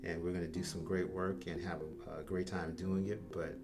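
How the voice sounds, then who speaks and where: An American man in his fifties with a deep voice talks conversationally on a business podcast. He is measured and polished, with emphasis on key points. Music is clearly audible underneath. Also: flat delivery. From Detroit, United States. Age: 50s. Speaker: podcast host, public relations professional.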